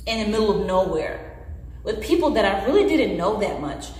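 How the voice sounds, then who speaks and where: A woman in her late twenties with a mid-range voice speaks at a normal pace, earnestly and candidly addressing the camera in a personal vlog. She is expressive and gestures with her hands as she talks. The bare indoor room is very echoey, with long reverb.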